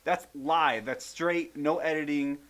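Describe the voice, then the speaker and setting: A man's voice: on the high side, steady tone, takes it slowly, a bit bright. Casual man reading viewer questions. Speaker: podcast co-host. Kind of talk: casual Q&A chat.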